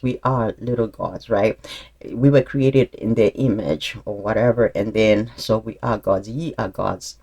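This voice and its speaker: A man's voice: mid-range voice, a little mellow. A man giving an intuitive tarot reading straight to his viewers, earnest and encouraging, often repeating himself and restarting as he reads the cards. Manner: earnest, encouraging, spiritual advice in direct address; casual, calls listeners "honey". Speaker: tarot reader.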